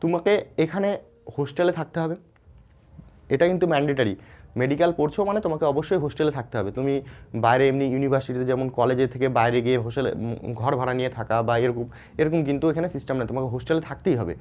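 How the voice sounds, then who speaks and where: Speaking with a Bengali accent, a West Bengal man explains a topic informally to students, using lots of fillers and restarts and asking "ঠিক আছে?" again and again to confirm they follow. He talks fast in a mid-range, slightly mellow voice, and the audio is dull.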